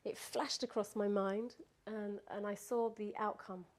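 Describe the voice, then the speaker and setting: A woman's voice: medium pitch, steady tone, a little slow. A woman recounting a personal experience in casual spoken storytelling, laughing often and restarting her sentences.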